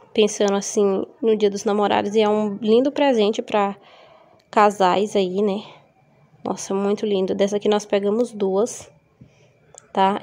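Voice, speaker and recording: Chatty Brazilian woman, mellow voice. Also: medium pitch. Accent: Brazilian Portuguese, São Paulo. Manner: chatty, addresses viewers as gente, upbeat. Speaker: vlogger selling gift kits. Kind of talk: casual show-and-tell vlog. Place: home.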